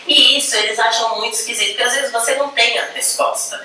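Bright-voiced playful Brazilian woman, echoey. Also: on the high side, fast talker. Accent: Brazilian Portuguese. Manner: playful, expressive, animated storytelling. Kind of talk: lively explainer video. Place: indoor room. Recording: roomy echo, distant mic, faint hum.

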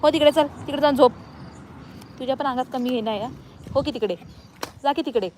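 A woman's voice: high-pitched, brisk, darkish tone, a little hiss or hum. A woman vlogging outdoors, coaxing and scolding her pet dogs in a casual way.

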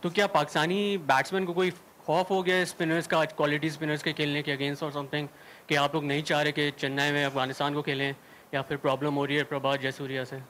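Higher-voiced male reporter asking a question. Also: level tone, fast talker, fairly bright tone, a little hiss or hum. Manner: long wandering question mixing in English. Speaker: sports reporter. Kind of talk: asking a question at a press conference. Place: press room, indoors.

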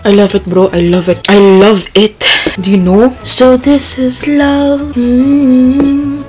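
A woman's voice: fairly high pitch, fairly even intonation, slow pace, a little mellow. Woman chewing, mouth full, faint music. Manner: chatty, jokey, self-deprecating. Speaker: food vlogger. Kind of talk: casual food vlog chat.

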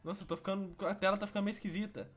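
Soft music plays behind a young Brazilian-accented man who rattles off playful game commentary in a high, steady, slightly bright voice. He ribs his partner and bursts into shrieking laughter.

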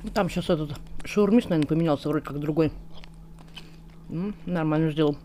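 A woman's voice: sits low, fairly quick, mellow, slight background noise. A woman vlogger chatting casually with her mouth full of food, talking between bites. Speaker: mukbang vlogger. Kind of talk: casual chat while eating.

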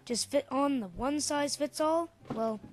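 A narrator reading a scripted spoof infomercial in a sales-pitch delivery. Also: normal speed.

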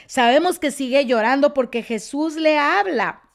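A woman teaching a Bible story, telling it expressively and often dropping to a soft, quiet tone. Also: sits high, normal speed. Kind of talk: teaching sermon.

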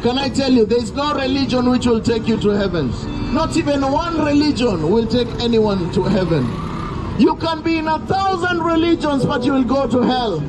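A man's voice: extremely high pitch, expressive. A man, preaching an urgent open-air sermon by a busy road through a handheld mic and speaker. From Kenya. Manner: loud, urgent preaching with drawn-out warnings. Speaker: street preacher. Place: roadside outdoors by a busy street. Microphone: handheld mic through a portable speaker, camera at a distance. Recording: street traffic noise, open air.

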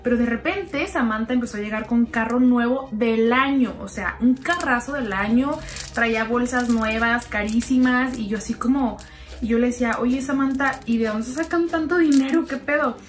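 A woman's voice: on the high side, moderate pace. A young woman telling a gossip story in a chatty, confiding way, as if talking to a close friend. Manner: chatty, confiding, keeps calling the listener "sister". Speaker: storytime narrator. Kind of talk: gossipy storytime narration over a slime video.

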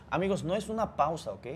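Lively Korean man speaking Spanish. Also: sits high, slight background noise. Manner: playful, jokey explanations. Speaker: guest teaching Korean. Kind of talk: casual chat.

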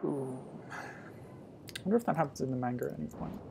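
A man casually commenting on a retro game as he plays, thinking aloud with sudden loud exclamations. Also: mid-range voice, moderate pace, gravelly, background noise. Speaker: streamer.

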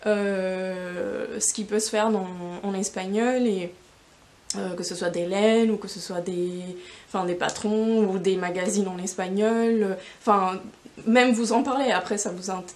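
Standing before yarn shop shelves, the young Spanish-born podcast host speaks in a mid-range, darkish voice with fairly even intonation and an unhurried pace. She's a non-native speaker whose casual chat rambles, full of fillers and restarts, as she gestures with her hands. Her camera mic picks up slight background noise.

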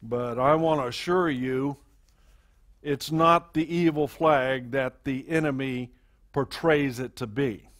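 A male pastor delivers a sermon into a pulpit microphone. He speaks very slowly at a middle pitch, pausing often with fillers and restarting his phrases. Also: fairly bright tone. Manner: slow, halting delivery with many fillers and restarts. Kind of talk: sermon to a congregation.

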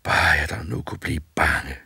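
A man voicing a fearless, cheeky boy in an audiobook fairy tale, bright and eager. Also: rumbling low, gravelly, slightly rough, no room sound, clean studio sound, heavily acted. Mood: cheerful. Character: fearless, cheeky young boy who cannot feel fear.

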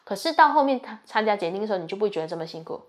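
Speaking rapid-fire in an expressive mid-range voice, a young Malaysian university student shares her own experience and gives advice. The talk is casual and earnest, from a young adult woman.

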